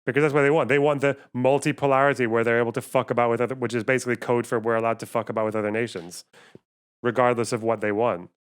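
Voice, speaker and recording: Male streamer, clean smooth voice, informal and sweary reaction chat. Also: medium pitch, steady tone, quick pace. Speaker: livestreamer reacting to a video. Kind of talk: casual reaction commentary.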